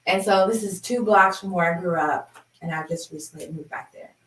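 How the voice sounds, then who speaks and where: Chatty storyteller, woman in her fifties, animated delivery; distant mic, reverberant room. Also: fairly low pitch, fairly quick. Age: 50s. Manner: chatty, animated, laughs while telling. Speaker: sound healing host. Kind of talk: personal storytelling. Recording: roomy, from a distance.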